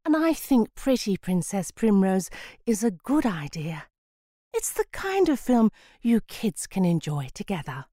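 A woman voicing a patient mother who speaks calmly and evenly. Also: mid-range voice, no room sound, clean studio sound, voice pushed up. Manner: patient, measured. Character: patient, calm mother of two boys.

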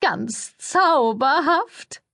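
A woman voicing a shrill, effusive female publicity agent who gushes and draws out her words. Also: animated, gravelly, fairly bright tone, full character voice. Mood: gushing. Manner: effusive, shrieking, drawn-out.

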